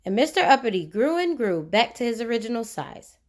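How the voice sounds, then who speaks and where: A woman whose voice is on the high side narrates a children's storybook in a sing-song way, a little fast. The read-aloud is lively and expressive, with questions directed at young listeners.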